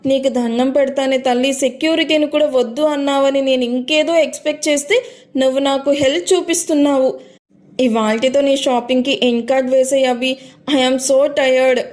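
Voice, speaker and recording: A worn-out young man dragged along on a shopping trip, complaining and pleading, as a woman narrator voices him. The voice stays high and light rather than deep. A spoken romance story. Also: fairly even intonation, normal speed, close to an everyday voice. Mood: sheepish pleading. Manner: weary complaining, then romantic. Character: tired, fond young man, playful fiancé.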